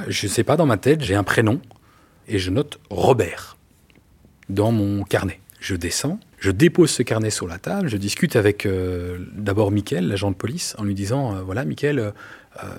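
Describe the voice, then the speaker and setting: A man, telling personal stories in an earnest, halting way with many fillers. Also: fairly low pitch, darkish tone, husky. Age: 40s. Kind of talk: casual testimony.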